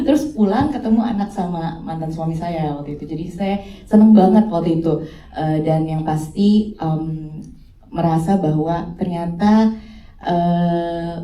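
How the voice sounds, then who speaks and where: A woman answers questions at a press conference in a chatty, lively way, pausing on fillers as she retells things. Her voice is mellow and fairly low for a woman. It sounds roomy and distant, picked up by a mic some way off. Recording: echoey room, mic at a distance.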